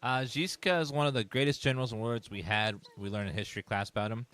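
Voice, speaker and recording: A man's voice: mid-range voice, steady tone, quick pace, a bit bright, clean tone. A young man streaming a game, giving chatty, casual live commentary.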